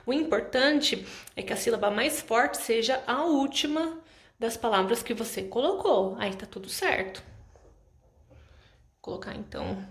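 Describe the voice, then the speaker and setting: A Brazilian woman teacher with a slightly high voice talks through exercise answers. She speaks patiently and explains each step. The room echoes around her. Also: animated, unhurried. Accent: Brazilian Portuguese. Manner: patient, explanatory, checks in with frequent "tá?". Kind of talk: correcting homework exercises.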